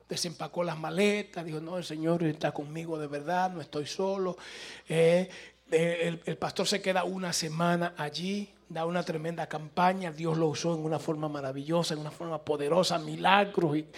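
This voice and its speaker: A man with a high voice preaches to his congregation, telling a story with lively swings from loud exclamations to hushed quoted lines. He speaks to the listeners directly, in an animated sermon style. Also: creaky.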